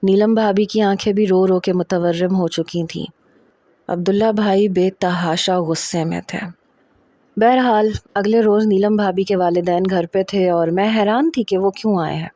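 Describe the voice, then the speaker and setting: A woman's voice: mid-range voice, fairly even intonation, dark tone, no echo. A woman narrating a romantic first-person story, reading in a dramatic, emotional way and acting out the dialogue.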